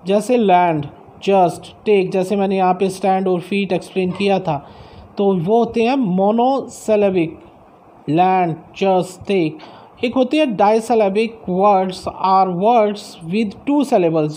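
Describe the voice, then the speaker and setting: A woman teacher explaining a lesson, slow and deliberate, drawing out words as she reads them aloud. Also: mid-range voice, mellow.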